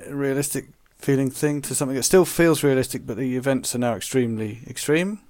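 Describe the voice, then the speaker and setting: A man co-hosting a podcast, talking over a film in a thoughtful, hesitant way with many pauses and ums. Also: mid-range voice, darkish tone, no echo. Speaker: podcast co-host. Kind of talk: casual film discussion.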